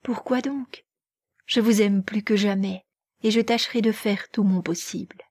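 A woman voicing a gentle, devout young princess who speaks softly and earnestly, in an audiobook reading. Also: mid-range voice, fairly even intonation, a little slow, slightly rough, no echo, clean studio sound, pitched above the performer's own voice. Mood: tender. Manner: soft, tender and earnest.

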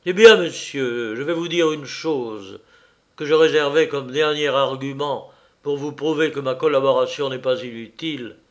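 A stirred-up young army officer who presses hard with question after question, as a man reads him in a storybook, in a mid-pitched male voice that rises a little louder as he demands answers. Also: normal speed, natural voice. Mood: forceful. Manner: urgent, insistent questioning. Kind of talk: audiobook character voice.

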